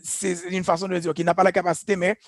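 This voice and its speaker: Man, church leader, earnest testimony, high voice, dry sound. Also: level tone, quick pace, no room sound. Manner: earnest, reflective, personal testimony. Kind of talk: speaking on leadership. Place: church gathering.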